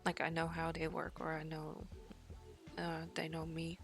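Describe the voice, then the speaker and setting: A young woman in casual, intimate chat, talking softly and hesitantly, often half-whispering. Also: low-pitched, completely flat delivery, unhurried, faint music behind. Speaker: vlogger.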